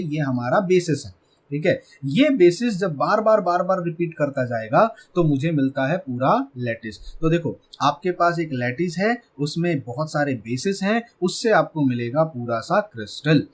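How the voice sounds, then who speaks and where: A man teaching a chemistry exam-prep lecture with an Indian English accent, asking his class questions and answering them himself. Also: fairly high pitch.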